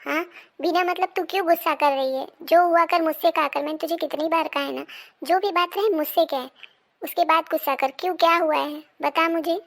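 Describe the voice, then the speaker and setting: A woman's voice: very high-pitched, steady tone, brisk, vocal fry, fairly bright tone, full character voice. A woman playing a scolding mother-in-law. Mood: coaxing. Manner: scolding, commanding. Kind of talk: amateur family comedy drama.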